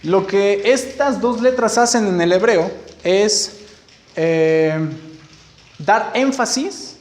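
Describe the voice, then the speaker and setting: A man's voice: high-pitched, a little mellow. A man teaching a Bible study to a group, explaining patiently and checking in often with "ok?". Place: room with a listening group. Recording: echoey room, faint background noise.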